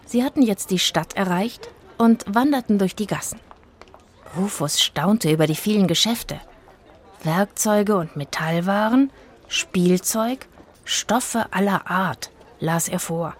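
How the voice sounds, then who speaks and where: A woman's voice: medium pitch, slow. Woman narrating a children's story. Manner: lively, voices each character.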